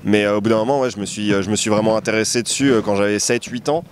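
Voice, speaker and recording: Young man with a low voice, hesitant. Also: very fast, a little hiss or hum. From Portugal. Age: 20s. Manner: hesitant, many filler sounds and restarts. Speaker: interview guest, manga artist. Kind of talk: casual interview chat. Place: outdoor basketball court in a city.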